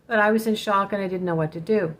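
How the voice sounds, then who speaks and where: A woman's voice: mid-range voice, quick pace. A woman hosting a vlog, telling a personal story in an earnest, direct way and warning her viewers. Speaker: spiritual channel host telling a personal story.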